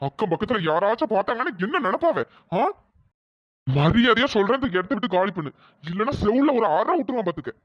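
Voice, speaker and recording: A man voicing an angry older father in a cartoon, gruff and scolding as he threatens his son-in-law. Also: sits high, big pitch swings, fast, fairly bright tone. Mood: furious. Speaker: father of the wife. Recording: dull, dry lo-fi audio.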